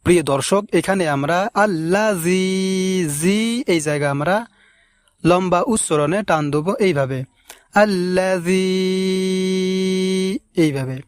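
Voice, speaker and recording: A man teaching recitation, stretching each word slowly and repeating it, with quicker explanations between. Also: high voice, no room sound. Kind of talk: recitation lesson.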